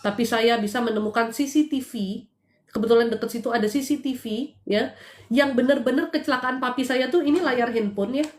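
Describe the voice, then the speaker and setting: Higher-voiced woman, heartfelt testimony, echoey. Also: a little fast. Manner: heartfelt, animated storytelling with rhetorical questions. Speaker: host giving spiritual consultation. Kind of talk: emotional personal testimony. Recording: echoey room.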